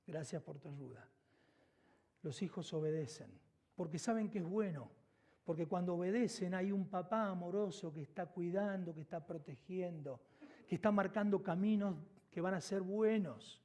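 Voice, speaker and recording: A man with an Argentine accent preaching a sermon as pastor, moving between emphatic declarations and hushed, intimate asides. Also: sits high, moderate pace. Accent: Argentine Spanish. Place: church sanctuary.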